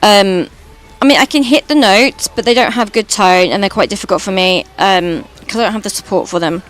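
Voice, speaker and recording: A British woman with a high voice streams while gaming, chatting in a brisk, casual way. She rambles and swears now and then.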